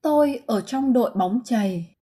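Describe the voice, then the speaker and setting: A woman reading translations of short phrases in an even, plain manner. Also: fairly high pitch, normal speed, breathy edge. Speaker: Vietnamese translation reader.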